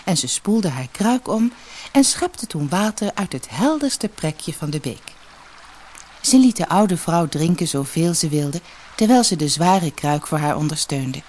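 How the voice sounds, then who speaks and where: Husky woman reading a fairy tale aloud. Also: low-pitched, animated, measured pace, darkish tone. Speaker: reader. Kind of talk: storybook narration.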